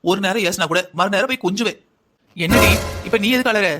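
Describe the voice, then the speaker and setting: A man's voice: high voice, brisk, heavy background noise, natural voice. A man voicing a stern middle-aged mother in a cartoon story who scolds her daughter with rhetorical questions. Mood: lecturing.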